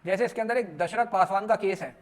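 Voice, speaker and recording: High-voiced man teaching law. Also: fairly quick. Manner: storytelling, mixing Hindi and English, asks students questions. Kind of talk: exam lecture.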